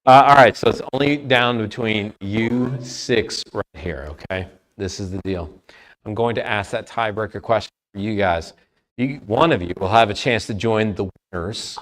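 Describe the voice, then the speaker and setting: A man leading a trivia game for a church youth group, talking playfully and sometimes loud. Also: on the low side, measured pace. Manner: playful, lively, loud at times.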